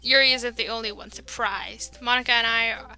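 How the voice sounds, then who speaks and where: A woman's voice: on the high side, fairly even intonation, a little fast, over music. A woman reading a visual novel's narration aloud and bossily scolding her friends during a casual playthrough. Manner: bossy, scolding friends over the mouse.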